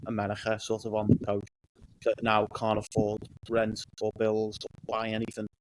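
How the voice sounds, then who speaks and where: A man hosting a podcast, talking in an earnest, deliberate way and correcting himself as he goes. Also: fairly low pitch, monotone, slight background noise, poor audio. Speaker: podcast host. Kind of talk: casual podcast chat.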